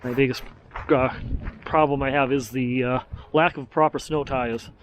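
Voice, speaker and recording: A man's voice: medium pitch, fairly even intonation, normal speed, a little hiss or hum. A man chatting casually to viewers as a travel vlogger, rambling along in an easygoing way. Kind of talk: casual vlog chat.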